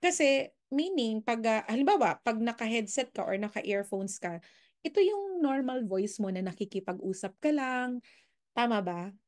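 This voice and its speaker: A woman from the Philippines coaching people on closing deals in a relaxed, chatty way, moving between Filipino and English. Her voice sits somewhat high. She keeps drawing her listeners in with little questions. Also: moderate pace. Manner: friendly, often checks in with "right?" tag questions. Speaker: sales and business coach. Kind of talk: casual training talk mixing Filipino and English.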